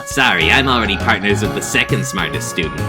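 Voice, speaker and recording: A woman's voice: rumbling low, lively intonation, fast, music in the background. A woman voicing a pompous male bird student with a smug, condescending manner.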